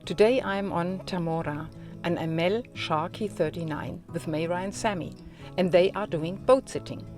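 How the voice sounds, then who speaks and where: A woman's voice: on the low side, moderate pace. Woman hosting, non-native English, over music. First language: not English. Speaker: host interviewer. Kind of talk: casual interview and video narration. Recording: background music.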